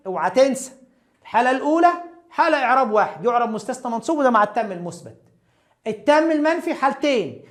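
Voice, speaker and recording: A woman with an Egyptian accent, teaching an Arabic grammar lesson in a lively, coaxing way and talking straight to her students. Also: fairly high pitch. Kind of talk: casual explanatory lesson.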